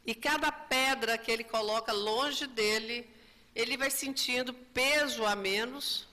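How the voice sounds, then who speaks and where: A woman gives a spiritist lecture in a bright, fairly high voice, often adding tag questions as she tells a story. Her voice rings through a reverberant hall. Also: unhurried. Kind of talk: religious lecture.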